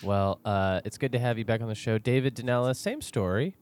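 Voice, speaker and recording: A man's voice: mid-range voice, a little fast, background noise. A man hosting a casual comedy podcast, chatty and playful, leaning on fillers as he talks. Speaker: podcast host.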